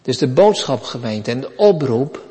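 A man preaching a sermon in a church, slow and emphatic, raising his voice for scripture quotations. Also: mid-range voice, sing-song, mellow. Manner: slow, emphatic preaching with rising outbursts on quotes. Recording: reverberant church hall.

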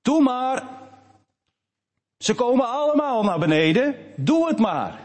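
A man putting on a high-voiced coaxing big sister. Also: sing-song, extremely slow, heavily acted. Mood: encouraging. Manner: coaxing, calling from below. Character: young girl, encouraging big sister.

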